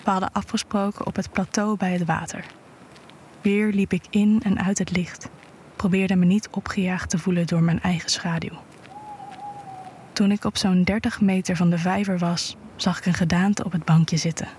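A woman reading an intimate erotic story aloud in a hushed voice that often drops to a whisper. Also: lowish voice, fairly even intonation, moderate pace, a little hiss or hum. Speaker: narrator.

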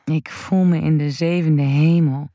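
A woman narrating an erotic first-person story in a breathy, hushed, intimate voice that drifts into whispers. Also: low-pitched, fairly even intonation, measured pace, no echo.

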